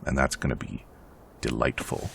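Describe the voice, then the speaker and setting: Very deep gravelly male game commentator. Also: fairly even intonation, normal speed, a bit bright, a little hiss or hum. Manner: chatty, rambling, self-deprecating. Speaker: let's play host.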